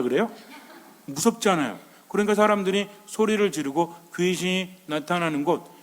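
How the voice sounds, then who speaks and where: Priest giving a chatty sermon. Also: male voice, a little high. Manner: conversational, asks the audience rhetorical questions. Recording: long reverb.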